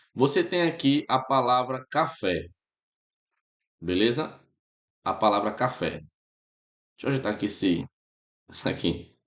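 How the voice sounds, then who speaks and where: A man's voice: mid-range voice, reverberant. A man with a Brazilian Portuguese accent teaches a grammar class in a loose, chatty way. He checks in with his students after almost every point. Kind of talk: casual spoken grammar lesson.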